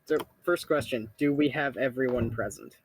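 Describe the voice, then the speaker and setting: A man narrates a tabletop game in a casual, offhand tone. His voice has a husky, breathy edge, and he sits at a medium pitch. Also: normal speed, rough recording. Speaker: game master.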